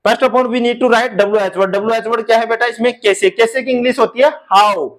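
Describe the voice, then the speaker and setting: In a classroom-style English grammar lesson, an Indian-accented man stretches each English sentence out slowly but races through his Hindi explanations. His voice is very high with fairly even intonation, and he addresses viewers as son and daughter.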